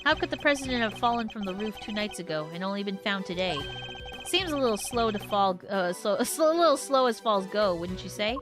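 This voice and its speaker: A woman's voice: medium pitch, expressive, close to an everyday voice. A woman voicing a composed male prosecutor who speaks formally and carefully. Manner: measured and formal. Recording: game music behind the voice.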